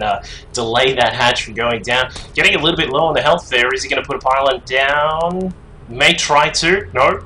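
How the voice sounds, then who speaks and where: Bright-voiced casual male game caster. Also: mid-range voice, a little hiss or hum, rough recording. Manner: casual, rambling, many fillers. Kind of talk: solo esports commentary. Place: home computer setup.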